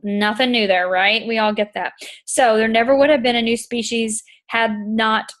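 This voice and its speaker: A podcast host on a chat show reads from a book and explains it with enthusiasm, stressing and repeating her points. Her voice is fairly high and bright, with fairly even intonation and normal speed. A tickle in her throat makes her cough now and then.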